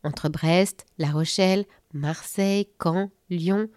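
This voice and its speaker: A woman narrating a children's story in a lively, playful storybook manner. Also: lowish voice, takes it slowly, no room sound, studio quality.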